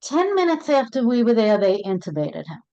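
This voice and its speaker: This Brooklyn-accented, middle-aged co-host and end-of-life doula talks earnestly in a casual exchange, often repeating her words. Her voice is warm, somewhat high, and sing-song at a normal speed, captured on dull lo-fi audio.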